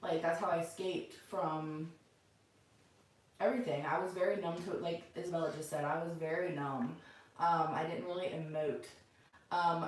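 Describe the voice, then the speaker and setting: The voice is a middle-aged woman's, sitting a little low in pitch. She talks off the cuff to her livestream viewers in a casual, chatty way. The room rings with heavy echo and she sounds distant from the microphone. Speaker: livestream host. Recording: very echoey room, far from mic.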